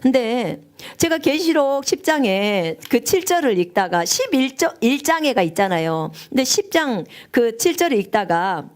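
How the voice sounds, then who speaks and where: A woman missionary preaching a sermon, telling her story with strong emotion, at times rising high and near tears. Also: very animated, normal speed, few pauses. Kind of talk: live-streamed sermon testimony.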